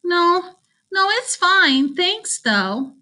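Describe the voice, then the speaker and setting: A woman's voice: extremely high pitch, sing-song, very slow, pushed and bright, voice pushed up, full character voice. A woman reading an audiobook voices a curt, guarded teenage girl. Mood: flustered. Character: guarded teenage girl, former best friend.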